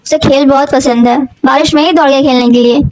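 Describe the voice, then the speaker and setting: A young woman with a notably high voice tells her vlog in a casual voice-over. She is chatty and doting and keeps turning to her viewers as she talks. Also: steady tone, fast, darkish tone, rough recording. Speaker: vlogger, aunt narrating a child's birthday.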